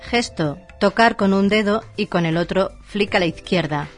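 Mid-pitched woman reading formal instructions. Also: normal speed, faint music behind. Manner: formal, reading out in short labelled items. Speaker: narrator of an instruction manual. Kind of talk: scripted instructional narration.

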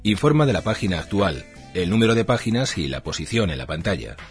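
Guy with a lowish voice reading a manual, formal short items, pretty up and down intonation, bit of music under it. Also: big pitch swings, brisk. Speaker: narrator of an instruction manual. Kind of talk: scripted instructional narration.

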